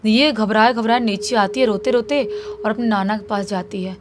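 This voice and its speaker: A woman casually retelling a true horror story in an animated, conversational way. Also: medium pitch, normal speed, noisy background.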